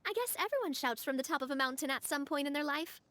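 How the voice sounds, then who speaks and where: An upbeat, outgoing young woman in a video game. Her voice sits high and moves with a lively, animated lilt. She chats warmly and coaxes others along. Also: fast talker, no room sound. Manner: upbeat, persuasive, chatty. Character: cheerful outgoing young woman, friendly leader.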